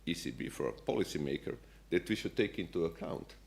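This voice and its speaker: A man with a notably low voice talks on a conference panel as a policymaker. He pauses often and restarts his sentences, searching for words. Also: expressive, vocal fry. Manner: hesitant, many fillers and restarts. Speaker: central bank policymaker.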